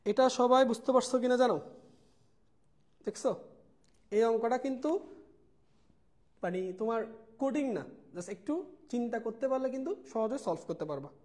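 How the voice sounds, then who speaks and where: A man's voice: very high-pitched, expressive, moderate pace, pauses often, a little mellow. A young man teaching a live online math class. He repeats key points, mixes in English words and calls his students brother. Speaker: math tutor.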